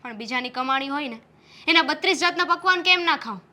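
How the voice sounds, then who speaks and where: A woman's voice: high voice, expressive, fairly quick, bright, forceful tone, full character voice. A young woman playing a frustrated pregnant wife who scolds her husband in a family drama. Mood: reproachful. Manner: scolding, reproachful.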